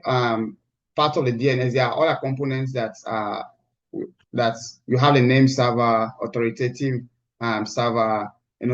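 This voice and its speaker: Man teaching in a lo-fi screen recording. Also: medium pitch. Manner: halting, with frequent restarts. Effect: screen-recorded video call audio. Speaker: instructor. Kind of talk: live online class walkthrough. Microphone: computer mic on a video call. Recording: dull lo-fi call recording.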